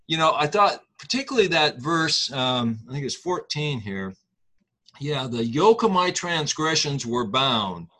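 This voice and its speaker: A middle-aged man leading a Bible study, explaining a passage slowly with many fillers and restarts. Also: on the high side, fairly bright tone, rough recording.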